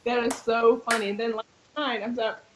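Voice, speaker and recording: A woman guest co-host recounting stories in a lively manner, laughing often. Her voice has a mid pitch. The sound carries a noticeable echoey room. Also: moderate pace, background noise. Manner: animated, laughing storyteller. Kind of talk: casual chat.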